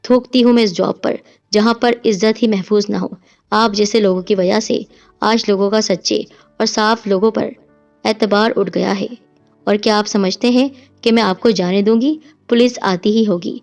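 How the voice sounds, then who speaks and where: A woman's voice: mid-range voice, steady tone, darkish tone, faint music behind, natural voice. A woman voicing a defiant young teacher. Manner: firm, cutting, words chewed out.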